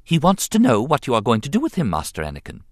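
A man's voice: mid-range voice, huge pitch swings, fast, no room sound, studio quality, pitched above the performer's own voice. A man reading a story aloud, voicing a fussy, anxious male butler robot with a prim, fretful, exclaiming manner. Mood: polite. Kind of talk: audiobook reading.

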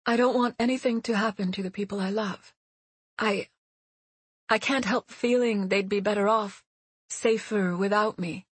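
A woman reading as a frightened, earnest young woman who talks quickly and anxiously. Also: medium pitch, fairly even intonation, slightly rough, no room sound, natural voice. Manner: anxious, tumbling out words.

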